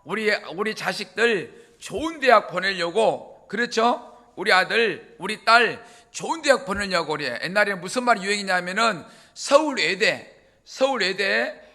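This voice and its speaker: A male pastor preaching a sermon, telling jokes with drawn-out emphasis. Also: high-pitched, animated, sharp tone. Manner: humorous storytelling, drawn-out emphasis. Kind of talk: joking sermon.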